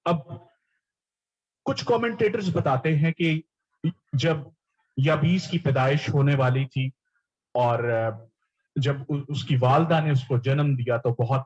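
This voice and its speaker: A man's voice: on the high side, long pauses, darkish tone, slightly rough, dull audio. A man preaching a sermon, explaining scripture and repeating key words, often mixing English terms into his teaching.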